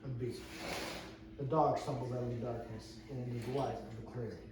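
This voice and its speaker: At an amateur screenplay table read, a man narrates the stage directions plainly, stumbling and rereading phrases, in an indoor room with a few other readers. His mid-range voice is steady and a little fast. The echoey room, distant mic and background noise make for a rough recording.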